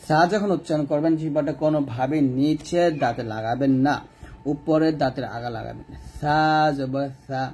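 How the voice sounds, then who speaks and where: A man with a Bangladeshi Bengali accent teaching a step-by-step recitation lesson, repeating each rule and drilling letters slowly. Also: a little high, dark tone, husky. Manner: repeats rules and drills letters slowly, asks questions to the viewer. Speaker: Quran reading teacher.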